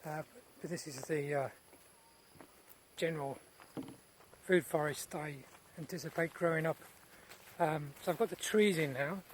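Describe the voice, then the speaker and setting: A man giving a casual, unscripted garden tour outdoors, speaking in short phrases with pauses between them. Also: a little high. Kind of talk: casual rambling vlog narration. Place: outdoors in a large rural garden. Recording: noisy outdoor recording with nature sounds.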